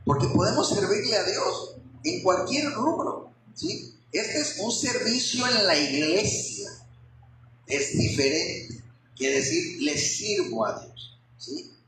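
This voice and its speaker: High, lively male preacher in an echoey hall. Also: slow pace, slight background noise. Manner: asks the congregation frequent rhetorical questions. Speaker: pastor. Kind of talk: expository sermon. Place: church hall. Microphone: handheld microphone.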